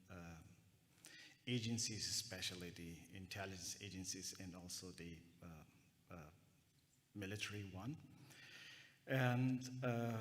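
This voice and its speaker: A man's voice: low voice, fairly bright tone, big-room sound, slight background noise. A man from Afghanistan giving a conference talk on counterterrorism, hesitant, with many fillers and restarts. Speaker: counterterrorism analyst.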